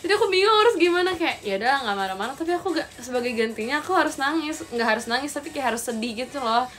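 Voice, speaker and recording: A woman's voice: sits high, animated, fast, fairly bright tone, soft background music. Chatty young woman on a phone livestream. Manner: chatty, rambling, addresses viewers directly. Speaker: idol livestreamer. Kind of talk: casual livestream chat.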